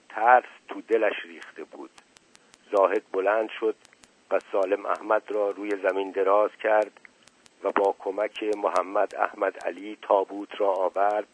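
A man narrating a story in a measured, steady reading. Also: low-pitched, slightly rough, narrow, tinny audio.

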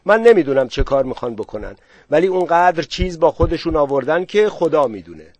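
A man's voice: fairly high pitch, very animated, a little mellow, no echo, pitched above the performer's own voice. A man voicing the headman's young son, hurriedly reporting what he has seen.

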